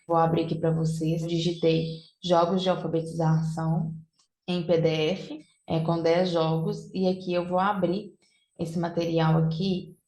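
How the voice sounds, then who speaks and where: A woman teaching parents in an online class, slowly and deliberately sounding out letters and syllables. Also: fairly low pitch, level tone, dark tone, reverberant. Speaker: literacy teacher. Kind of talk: online class demonstrating phonics materials.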